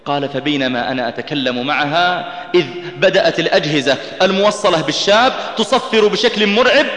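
A man's voice: fast talker, a bit bright. A man preaching an emotional sermon, telling stories with rising passion and chanting scripture in a melodic recitation. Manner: impassioned, voice climbing high and tense at dramatic peaks. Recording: echoey hall with long reverb.

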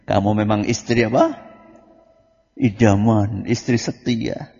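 A man preaching a lively sermon, asking his audience questions and answering them himself. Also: fairly low pitch, slow, husky. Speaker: Islamic preacher. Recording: lo-fi recording in a large echoing hall.

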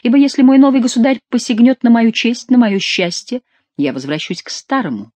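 An audiobook reader voicing a scheming, flattering nobleman count in a dramatic reading. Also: mid-range voice, fairly quick, no echo, voice pushed up. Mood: threatening.

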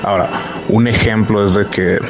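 A man with a Mexican accent explaining things informally and haltingly, searching for his words. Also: fairly low pitch, fairly even intonation, poor audio. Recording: loud music behind the voice.

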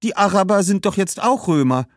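A man voicing Cassia, an excited Roman woman eagerly spreading news and gossip in a high voice. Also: fairly quick, dry recording, clean studio sound, close to an everyday voice.

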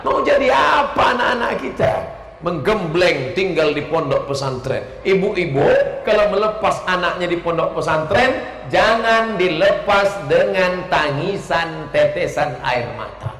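A man from Indonesia preaching a lively, humorous sermon, joking with the crowd and shouting out lists for emphasis. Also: high-pitched, a little slow, a little hiss or hum. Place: large hall with a stage. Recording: echoey hall with long reverb.

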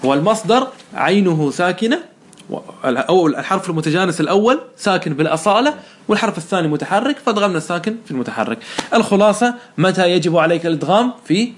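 Quick, higher-voiced male teacher. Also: animated, slight background noise. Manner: patient, drills the student with questions and praise. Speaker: teacher of Arabic morphology. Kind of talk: one-on-one lesson, question and answer.

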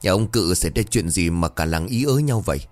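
A man's voice: low-pitched, animated, fast talker, no room sound, soft background music. A man voicing a worried older village wife who keeps asking questions.

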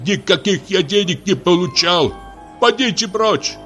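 A man's voice: sits high, expressive, a little slow, fairly bright tone, faint music behind, voice pushed up. A man voicing an old, hard-of-hearing retired naval captain who mishears and blusters. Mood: indignant. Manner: mishears, then blusters indignantly.

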